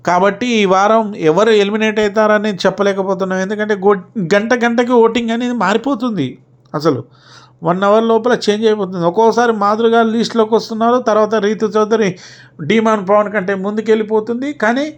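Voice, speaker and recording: A man giving casual, chatty commentary on reality-show gossip and talking straight to his viewers as friends. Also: high voice.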